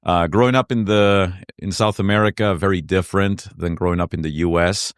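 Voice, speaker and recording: Very deep-voiced man from Argentina. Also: fairly even intonation, a little fast, smooth, no room sound, studio quality. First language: Spanish. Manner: earnest, reflective storytelling. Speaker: entrepreneur guest. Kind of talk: conversational interview.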